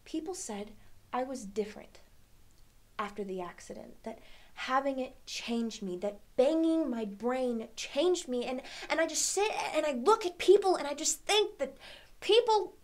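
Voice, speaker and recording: A young woman performing a dramatic monologue as a troubled, pensive single woman, a halting, searching soliloquy full of hesitant pauses. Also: high voice. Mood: fragile, strained. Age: young adult. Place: indoor studio against a plain backdrop.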